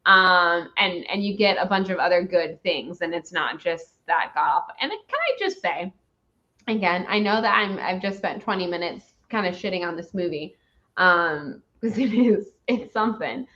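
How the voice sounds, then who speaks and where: A woman's voice: fairly low pitch, expressive, normal speed, pushed and bright. Rambling, opinionated woman on a dull recording. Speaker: host of a movie review show. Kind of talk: casual chat, ranting film review.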